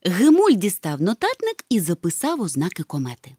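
A woman narrating a children's audiobook in a steady storytelling manner. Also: fairly low pitch, fairly quick, slightly rough, no room sound. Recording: faint music underneath.

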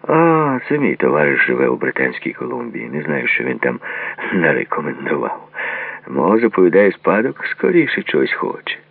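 A man's voice: very deep voice, huge pitch swings, normal speed, gravelly, dry recording, heavily acted. A man voicing a terse, wary gamekeeper who answers in short, clipped phrases. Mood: curt. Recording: tinny phone-like lo-fi audio.

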